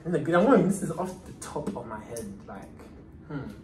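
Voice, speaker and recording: A man's voice: fairly high pitch, expressive, moderate pace, recorded from a distance. A young man hosting a vlog, playfully teasing and pushing dares in a drinking game. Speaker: vlogger host. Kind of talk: casual chat during a drinking-game dare. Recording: echoey room, off-mic, noisy.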